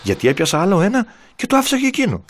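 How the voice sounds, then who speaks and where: A man's voice: sits high, huge pitch swings, faint music behind, pitched above the performer's own voice. A man voicing a naive young boy who fishes and calls out eagerly to the sea. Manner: eager, calling out.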